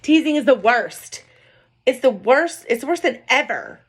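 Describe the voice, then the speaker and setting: Indignant little storybook otters scolding, as a woman reads them out, a touch high. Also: animated, unhurried, breathy edge, exaggerated voice.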